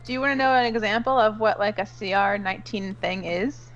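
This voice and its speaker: A woman's voice: medium pitch, brisk, a bit bright, dull audio, soft background music. A woman playing a tabletop game, speaking hesitantly with little laughs. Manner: hesitant, giggly. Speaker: player. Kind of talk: casual chat during a tabletop game.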